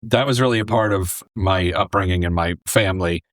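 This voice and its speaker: A man from New York in his forties, a deli owner and former English teacher, telling his story in a relaxed, rambling way on a close podcast mic. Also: low voice, a little fast, dry recording. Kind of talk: casual interview storytelling.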